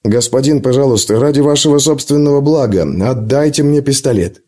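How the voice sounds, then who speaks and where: A man doing a quiet, steady bodyguard. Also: mid-range voice, natural voice. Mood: calm steady. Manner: quiet, measured. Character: calm male bodyguard, steady and respectful.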